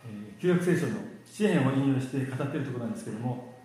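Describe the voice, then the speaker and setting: A man giving a church sermon in a relaxed, self-deprecating, joking way, with many fillers and pauses. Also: medium pitch. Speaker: lay preacher. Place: church hall. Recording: very echoey hall.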